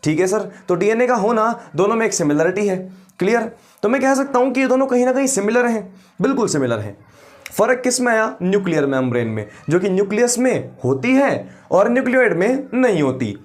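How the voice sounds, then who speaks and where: A man teaching biology. He asks the class questions, answers them himself and repeats the key terms slowly. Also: sits high, lively intonation. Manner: mixes English science terms into Hindi. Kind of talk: classroom lecture.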